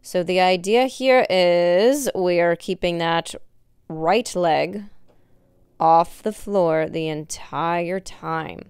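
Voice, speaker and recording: A woman's voice: on the low side, slow pace, a little mellow, smooth, no echo, studio quality. A young woman instructing an at-home workout like an aerobics instructor, giving encouraging cues as she exercises along. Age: young adult. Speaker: fitness instructor. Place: indoor wood-floored exercise studio.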